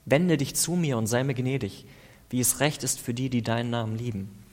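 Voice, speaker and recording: A man's voice: mid-range voice, darkish tone. Man reading psalms in a reverberant hall. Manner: reads psalm verses slowly, then comments in a conversational tone. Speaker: preacher. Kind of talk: devotional Bible reading and commentary.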